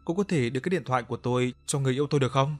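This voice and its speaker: A man voicing a young male ghost with a low, muffled voice in an audio story. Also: very fast, dry recording, soft background music, close to an everyday voice. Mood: pleading.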